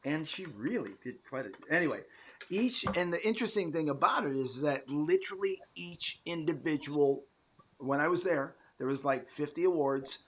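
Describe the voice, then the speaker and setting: An American man hosting a casual live-stream interview show, rambling with many fillers and sudden swings in loudness. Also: fairly high pitch, lively intonation, moderate pace, slight background noise. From United States. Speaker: show host.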